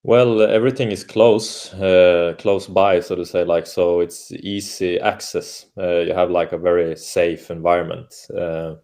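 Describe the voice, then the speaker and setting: In a casual interview, a football coach from Åland, Finland, whose first language is Swedish, answers questions hesitantly, full of fillers and restarts. His voice is low-pitched and a little mellow, with fairly even intonation, an unhurried pace and few pauses.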